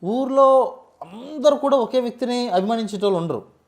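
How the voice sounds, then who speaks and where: A man, a mimicry artist, talking relaxed and explanatory as an interview guest. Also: extremely high pitch, normal speed. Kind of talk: casual interview chat.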